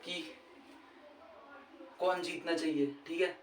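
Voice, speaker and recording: High-voiced man giving casual coaching tips. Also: fairly even intonation, slow. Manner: chatty, keeps saying "brother" and "okay". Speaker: cricket fitness coach. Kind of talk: casual instructional vlog. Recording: echoey, distant, faint background noise. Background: faint ambient sound, a TV match playing.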